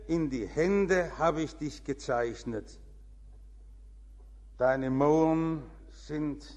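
A man preaching a sermon in a measured, emphatic way, building to rhetorical questions. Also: on the high side, a little mellow, in a large hall.

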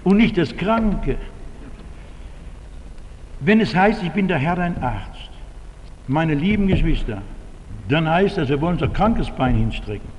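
Older male preacher, slightly high and very animated voice, emphatic repeats, long church echo. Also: unhurried, long pauses, muffled recording, a little hiss or hum. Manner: emphatic, repeats key phrases. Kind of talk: sermon.

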